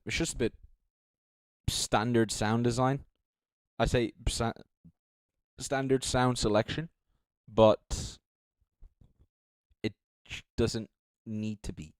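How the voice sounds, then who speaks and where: A young man with a fairly low voice talks through his judging on a live stream. He rambles, corrects himself mid-sentence and swears without a second thought. The sound is close and dry. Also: darkish tone, no room sound. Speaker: streamer judging beatbox entries. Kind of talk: casual live-stream commentary.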